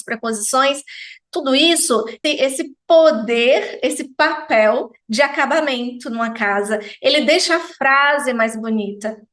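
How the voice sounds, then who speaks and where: A woman's voice: fairly high pitch, a bit bright, echoey room. A Brazilian woman teaching French pronunciation, patiently repeating each word. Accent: Brazilian Portuguese. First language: Portuguese.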